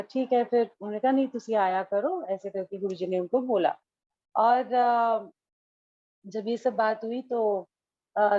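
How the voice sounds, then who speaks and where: Speaking in a warm, mid-range voice, a devotee tells a heartfelt story of faith in Hindi sprinkled with English phrases, voicing the quoted conversations as she goes. Her delivery is casual, and the audio is muffled but free of echo.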